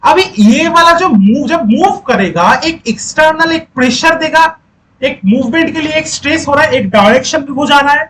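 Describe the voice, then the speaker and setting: Male teacher, lecture, very high-pitched, repeats points, quizzes students, urges class to talk. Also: animated, moderate pace, fairly bright tone, slight background noise, low-quality recording. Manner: coaxing students to speak up.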